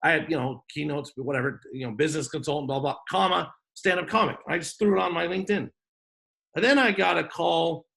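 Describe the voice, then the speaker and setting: Chatty, gravelly man hosting a workshop. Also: on the high side, brisk, sharp tone. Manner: joking, chatty, off-the-cuff. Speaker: workshop host. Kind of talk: online business workshop talk. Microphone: video call.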